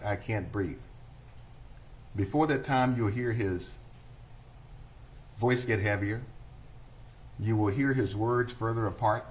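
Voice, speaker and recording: Middle-aged male prosecutor, deliberate courtroom opening to a jury. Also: lowish voice, slight background noise. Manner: measured, deliberate, addressing a jury.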